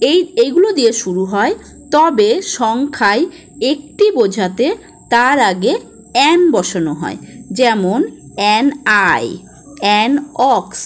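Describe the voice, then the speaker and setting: A young woman walks through a grammar lesson at an unhurried pace. Her voice sits a little high and moves up and down a lot as she points out examples. She spells out letters and words patiently, like a teacher at a board.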